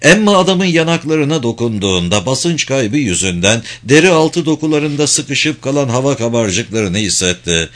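A man reading a suspenseful novel aloud in a measured, steady narration. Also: medium pitch. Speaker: audiobook narrator. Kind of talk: scripted narration.

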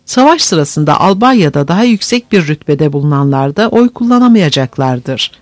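A man's voice: fairly high pitch, big pitch swings, normal speed, no room sound. A man doing an indignant young farmhand. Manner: grave, indignant. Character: earnest young farmhand, bitter and blunt.

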